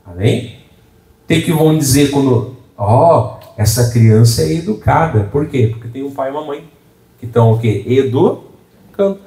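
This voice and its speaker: A man's voice: mid-range voice, expressive, measured pace, dark tone. Pastor, male, chatty sermon delivery, recorded from a distance in a roomy hall. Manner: conversational preaching with frequent "amém?" and "né?" asides to the congregation. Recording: echoey room, voice from a distance.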